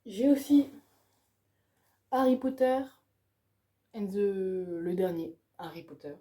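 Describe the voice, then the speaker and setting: A woman's voice: medium pitch, lively intonation, takes it slowly, dark tone. A woman chatting casually and enthusiastically about the books on her reading pile. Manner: chatty, enthusiastic, ends phrases with "quoi". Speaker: book vlogger.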